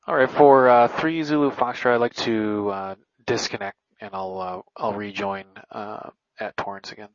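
A man speaking as a pilot on the radio in a hesitant, halting way, with dull lo-fi audio. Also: on the low side, steady tone, no room sound.

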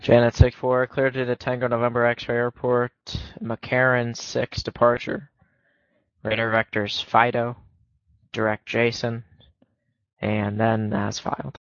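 A man working as an air traffic controller, issuing clearances in clipped radio phraseology. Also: mid-range voice, completely flat delivery, unhurried, no room sound. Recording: dull lo-fi radio audio.

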